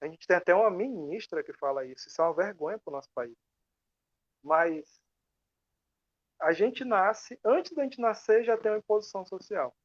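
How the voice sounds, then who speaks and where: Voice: mid-range voice, expressive, normal speed, long pauses, muffled recording. An impassioned speaker in a casual live-stream discussion, asking many rhetorical questions and acting out quoted dialogue. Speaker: panelist in an online live talk. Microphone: video call.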